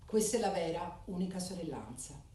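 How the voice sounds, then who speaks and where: A woman reading a formal ceremonial speech in measured, declamatory phrases. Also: lowish voice, animated, warm tone, slight background noise. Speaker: speaker at a club charter ceremony. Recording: echoey hall, voice from far off.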